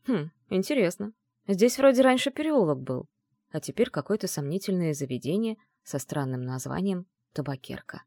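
A woman narrating a first-person story in an expressive, sardonic manner. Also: fairly low pitch, fairly quick, dry recording, studio quality. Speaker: audiobook narrator.

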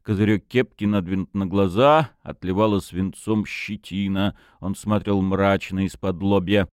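A man narrating an audiobook in an expressive storytelling manner. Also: low-pitched, normal speed, clear, resonant tone, no echo, clean studio sound.

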